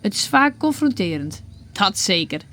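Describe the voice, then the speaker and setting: A woman with a Frisian accent reading her own blog aloud in a reflective, measured way. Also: mid-range voice, very animated, a bit bright. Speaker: blogger.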